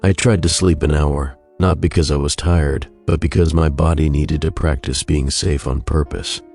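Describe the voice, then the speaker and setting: A man narrating a scripted first-person horror story in a measured, somber creepypasta manner. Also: a bass voice, steady tone, darkish tone, soft background music.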